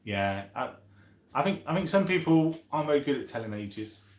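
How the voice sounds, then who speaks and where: A man in his fifties, mid-range in pitch and speaking at a normal speed with big swings in intonation, runs a relaxed live stream. Chummy and rambling, he thinks aloud while reading out and replying to viewer comments, and the recording has a roomy echo.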